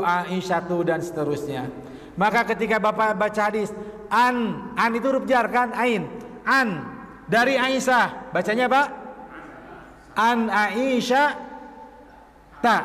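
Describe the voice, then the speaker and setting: Male religious teacher, high voice, lecture delivery; quizzes listeners in drills, light chuckles; reverberant mosque hall. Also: a bit bright. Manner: quizzes the class in quick question-and-answer drills; chuckles between points. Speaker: Islamic teacher. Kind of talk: classroom lecture.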